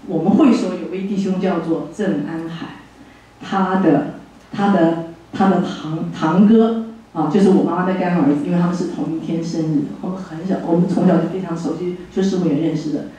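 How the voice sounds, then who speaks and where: An older woman from Taiwan with a Taiwanese Mandarin accent, sharing a heartfelt personal testimony as guest speaker at a church fellowship, telling it in an animated way with chuckles. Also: on the low side. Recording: echoey hall from far off.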